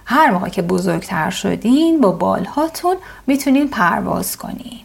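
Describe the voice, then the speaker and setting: A woman voicing a gentle, brave koala in a children's bedtime story, speaking in a reassuring storybook voice. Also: mid-range voice, very animated, creaky, husky, exaggerated voice. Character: gentle friendly koala, tree bear, brave.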